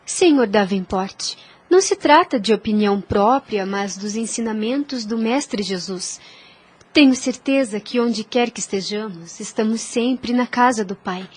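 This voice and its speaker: An actress in an audio drama plays a gentle, devout young woman with a high-pitched voice. Like a teacher of faith, she speaks formally and earnestly in measured phrases.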